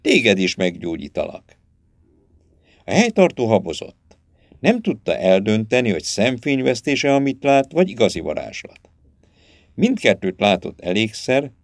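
A man narrating an audiobook with expressive, dramatic delivery. His voice is fairly low and moves lively up and down. The close mic gives a dry, intimate sound. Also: no room sound.

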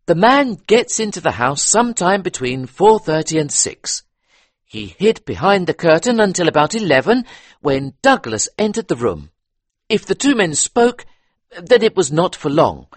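A man voicing a brisk, talkative male police inspector in a read-aloud detective story, with a raised, eager delivery and a husky edge. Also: high voice, no echo, pitched above the performer's own voice. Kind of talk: audiobook character reading.

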